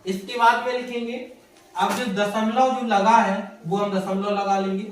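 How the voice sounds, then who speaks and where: A man's voice: sits high, little pitch movement, measured pace. A man teaching a class, who keeps asking his students questions and answering them himself. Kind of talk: classroom lesson. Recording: echoey room, from far off.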